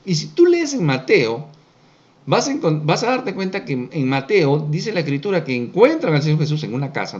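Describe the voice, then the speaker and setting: A man teaches a Bible class in a lively, slightly high voice that rises and falls a great deal. He keeps checking in with his listeners and acts out the lines he quotes. The recording is dull and lo-fi. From Peru. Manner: checks understanding with frequent tag questions, acts out quotes.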